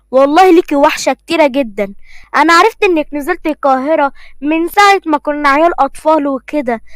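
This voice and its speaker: A woman's voice: high-pitched, no room sound, close to an everyday voice. A woman voicing a defiant young Egyptian village woman who talks back mockingly.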